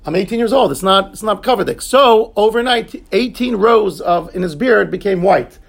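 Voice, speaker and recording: A man leads a Talmud class, glossing each term in English and turning to his students between points. His voice sits high and has a gravelly, husky edge. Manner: explains terms in English, quick asides to students. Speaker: rabbi teaching Talmud class.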